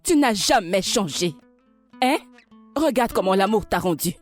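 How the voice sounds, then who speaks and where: A woman's voice: medium pitch, expressive, a little slow, faint music behind. A woman dubbing an exasperated mother who lectures her grown son with lamenting reproaches, for a French film dub. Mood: reproachful. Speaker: dubbing actress.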